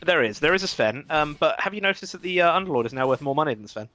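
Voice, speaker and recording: Bright-voiced esports caster. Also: male voice, on the high side, lively intonation, dry recording. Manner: chatty, wry, quick reactions. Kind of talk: live game commentary.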